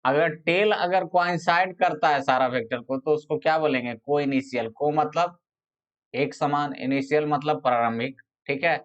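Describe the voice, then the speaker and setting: A male physics teacher giving a classroom lecture. He explains step by step and repeats each phrase slowly while dictating notes. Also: fairly high pitch. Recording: dull lo-fi sound.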